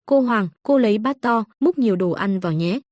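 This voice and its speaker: A woman's voice: mid-range voice, lively intonation, a little fast, a little mellow, no echo, studio quality, natural voice. A woman voicing a harried male kindergarten principal who sounds curt and resigned.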